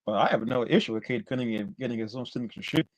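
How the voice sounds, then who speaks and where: Man, slangy podcast co-host, mid-pitched voice, faulty mic, crackles and pops, cuts in and out, uneven volume. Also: quick pace, no room sound. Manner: slangy, loose, full of "you know". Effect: faulty mic cutting in and out, crackling and popping, uneven volume. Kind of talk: casual sports chat.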